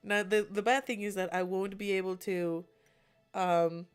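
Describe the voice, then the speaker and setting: Young woman game streamer, English not her first language, laughs a lot, mid-range voice, soft music underneath. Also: medium pitch, fairly even intonation, a little slow, clean tone. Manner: giggly, chatty, reads chat messages aloud. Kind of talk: casual live-stream chat. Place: alone in a room.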